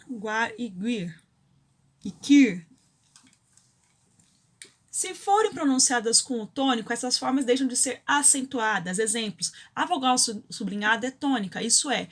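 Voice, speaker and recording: A woman's voice: fairly high pitch, lively intonation, measured pace, fairly bright tone. A Brazilian woman teaching a grammar lesson, explaining rules step by step and often checking in with her students. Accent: Brazilian Portuguese.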